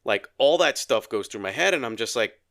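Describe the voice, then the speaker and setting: A man's voice: medium pitch, brisk. A man co-hosting a podcast in casual conversation, telling stories and acting out the dialogue in them. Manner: animated storyteller, acts out quoted dialogue. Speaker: podcast co-host.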